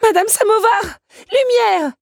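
A woman's voice: very high voice, measured pace, creaky, no echo, studio quality, pitched above the performer's own voice, heavily acted. A woman voicing a desperate young heroine in a storybook reading, calling out shrilly for help.

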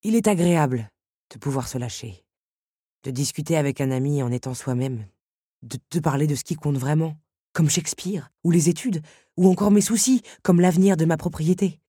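A woman's voice: deep voice, normal speed, warm tone, breathy edge, no echo. A woman voicing a young duke who speaks to a friend in a dry, teasing and earnest way. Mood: confiding.

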